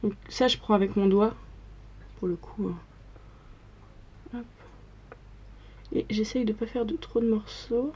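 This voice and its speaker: Soft-toned young woman narrating makeup. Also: medium pitch, fairly even intonation, slow, pauses often, slightly rough, highs cut off. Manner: chatty, step-by-step narration. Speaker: makeup vlogger. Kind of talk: casual makeup tutorial talk.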